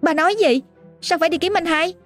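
A woman voicing a spoiled, quick-tempered young woman, shrill and shrieking. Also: animated, faint music behind. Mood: shocked.

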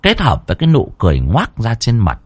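A man narrating a ghost story in a lively, dramatic storytelling manner. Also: mid-range voice, a little fast.

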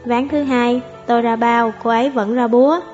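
A woman narrating a novel audiobook in a calm, even storytelling manner, over faint music. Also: fairly high pitch, normal speed, highs cut off.

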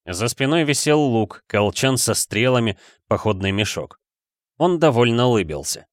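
A man reading a first-person story aloud in steady audiobook narration. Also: medium pitch, normal speed, no room sound, studio quality.

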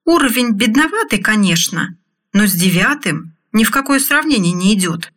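A woman playing a shrewd mine secretary: knowing, matter-of-fact, a husky edge. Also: medium pitch, big pitch swings, moderate pace, fairly bright tone.

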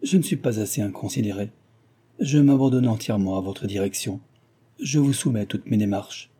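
A man reading aloud and voicing an anguished young woman who speaks in emotional, halting, yielding replies. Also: lowish voice, dark tone, husky. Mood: distressed.

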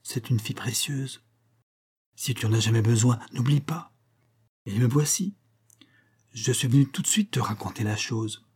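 A man's voice: mid-range voice, normal speed, pauses often, a little mellow, breathy edge, close to an everyday voice. A man voicing a gleeful young society wife, gossipy and full of amusement. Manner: gossipy, breathless with amusement when retelling.

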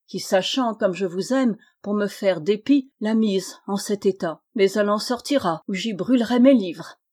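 A kind good fairy from a storybook speaks in a bright, reassuring way, as a woman reading aloud puts her on. She is motherly and lively, and she praises and comforts. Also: mid-range voice, normal speed, lightly acted. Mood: determined.

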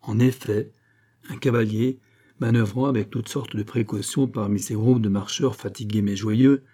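A man narrating a classic novel as an audiobook in an even, steady storytelling manner. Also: lowish voice, moderate pace, husky. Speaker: audiobook reader.

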